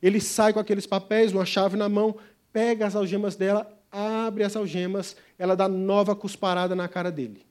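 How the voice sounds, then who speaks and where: A middle-aged man, a pastor and missionary, preaching a sermon as an emphatic storyteller, swinging from loud to hushed. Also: high voice, level tone, fairly quick.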